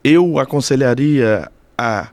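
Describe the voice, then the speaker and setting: Recorded dry, a Brazilian Portuguese-accented man in his thirties speaks at medium pitch, slowly and expressively, with a slightly mellow quality. He's a doctoral student in communication appearing as a podcast guest, chatting reflectively and repeating phrases for emphasis.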